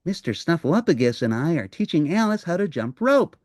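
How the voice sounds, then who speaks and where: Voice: mid-range voice, big pitch swings, brisk, a little mellow, no room sound, clean studio sound, voice pushed up, lightly acted. A performer voicing a friendly, cheerful big bird character for a children's storybook.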